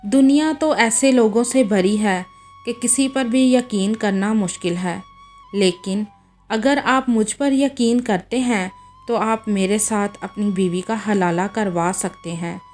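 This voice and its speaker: A woman's voice: mid-range voice, slow pace, darkish tone, soft background music, lightly acted. A woman voicing a scheming male cleric who speaks soothingly and persuasively in a read-aloud story.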